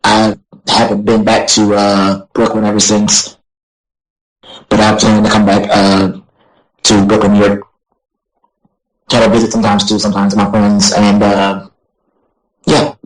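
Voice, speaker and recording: A man's voice: fairly low pitch, completely flat delivery, unhurried, pauses often, faint music behind, poor audio. A young man being interviewed as a guest wrestler, answering in a rambling way full of fillers and apologies. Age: young adult.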